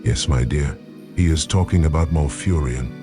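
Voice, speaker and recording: Picture a wry ghost companion played by a man in a fantasy role-play, teasing and fond. The voice is extremely low and unearthly, with music clearly playing behind it. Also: moderate pace.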